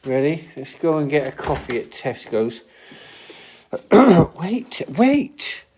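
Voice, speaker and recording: A man's voice: on the high side, big pitch swings, takes it slowly, darkish tone, a little hiss or hum. An older man, rambling casually to the camera as a vanlife vlogger and talking to his dogs. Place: in and around a van.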